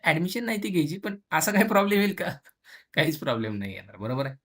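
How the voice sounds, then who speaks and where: Pitched on the high side with big swings and a fairly bright tone, this man leads a casual programming class. He talks in a colloquial, chatty way, tosses in English phrases, and acts out the tables and students in quick asides.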